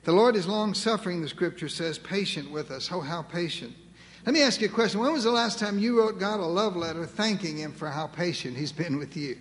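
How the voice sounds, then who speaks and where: A man's voice: sits high, brisk, few pauses, long reverb tail. A man preaching a sermon in a church, dramatic and humorous, acting out voices of God and Moses.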